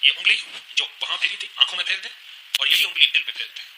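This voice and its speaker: A man preaching a sermon, repeating phrases with feeling and slowly chanting prayers. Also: sits high, bright, forceful tone, slight background noise, rough recording. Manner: emotional, repetitive preaching, slow chanted prayers. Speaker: religious speaker. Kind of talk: sermon with recitation.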